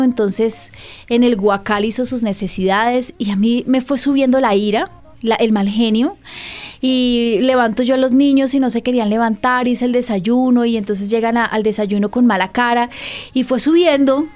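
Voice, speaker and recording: Woman, pastor, radio host, fairly high voice, candid testimony, conversational. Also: moderate pace, darkish tone. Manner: candid, conversational, asks listeners direct questions.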